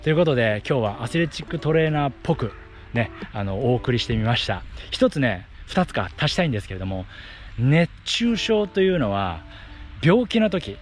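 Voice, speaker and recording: A man's voice: medium pitch, very animated, a little fast, faint music behind. A man explaining things to the camera in short phrases as he talks while running outdoors. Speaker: running vlogger and athletic trainer. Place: outdoors on a path by fields. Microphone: action camera at arm's length.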